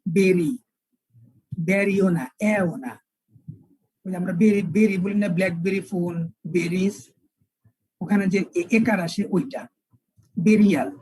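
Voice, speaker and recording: A male English teacher, lecturing an online class and spelling words out slowly with repeated examples. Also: high voice, little pitch movement, darkish tone, breathy edge, no echo, rough recording.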